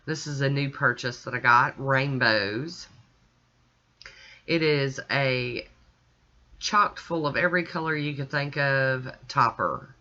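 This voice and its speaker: Woman, very bright sharp tone, chatty step-by-step nail tutorial, dull lo-fi sound. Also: a bass voice. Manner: chatty, talks the viewer through each step. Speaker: nail art channel host. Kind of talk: casual nail art tutorial narration.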